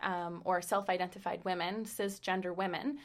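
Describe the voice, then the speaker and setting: A woman's voice: lowish voice, steady tone, normal speed. A woman from Costa Rica with an accent, not a native English speaker, co-hosting a casual podcast and explaining things with easy laughs. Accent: Costa Rican. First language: French and Spanish. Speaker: podcast co-host.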